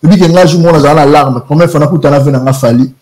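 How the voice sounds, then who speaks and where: A man's voice: on the high side, fast, a little mellow. Rambling man in a heated debate. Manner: rambling, mixing French and Lingala. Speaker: guest.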